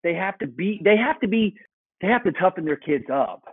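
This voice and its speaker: A man's voice: sits high, brisk, husky. Man on a muffled phone-like line. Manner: storytelling, animated asides. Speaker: guest. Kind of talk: casual chat.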